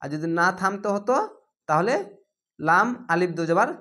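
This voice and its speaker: Man patiently spelling out recitation slowly. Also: high voice, bright, forceful tone. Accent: Bangladeshi Bengali. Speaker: Quran recitation teacher. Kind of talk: spelling and reading lesson.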